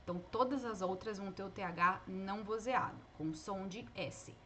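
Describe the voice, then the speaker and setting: Woman teacher in a live online class, patient, spells out and repeats words slowly, faint noise behind her. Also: medium pitch, a bit bright. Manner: patient, explains slowly and models words aloud. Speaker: English teacher. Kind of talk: live online pronunciation lesson.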